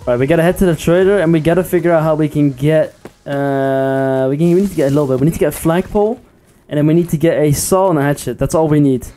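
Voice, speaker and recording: A man's voice: a little high, quick pace, hardly any pauses, warm tone, soft background music. A man giving casual gameplay commentary, chatty and playful, often laughing. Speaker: gaming YouTuber.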